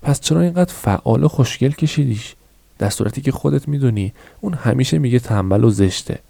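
A man's voice: lowish voice, dark tone, no echo, natural voice. A man voicing a morbid, doting middle-aged shopkeeper mother in an audiobook reading, with a scolding, matter-of-fact manner. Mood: quizzing.

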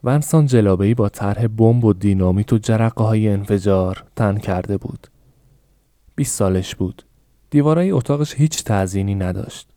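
A man narrating a novel for a podcast in a calm, measured reading. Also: fairly low pitch, dry recording, studio quality. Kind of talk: scripted audiobook narration.

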